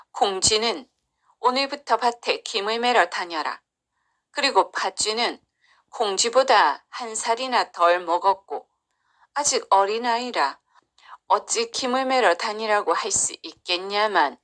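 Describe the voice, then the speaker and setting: A woman's voice: mid-range voice, a bit bright. A woman voicing a scheming middle-aged stepmother in a storybook, lecturing in cold, old-fashioned speech.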